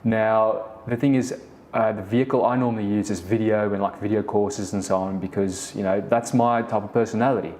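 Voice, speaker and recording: A man in his thirties with a lowish, slightly mellow voice speaks fairly quickly with fairly even intonation. He's a South African podcast host and business co-founder whose first language is Afrikaans, and he rambles through a story on his casual solo show, restarting often and leaning on "the thing is."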